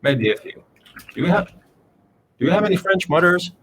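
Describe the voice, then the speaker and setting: A man's voice: sits high, expressive, normal speed, fairly bright tone, a little hiss or hum, low-quality recording. A man commentating a live game tournament, joking and teasing his co-host between calls. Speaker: esports commentator.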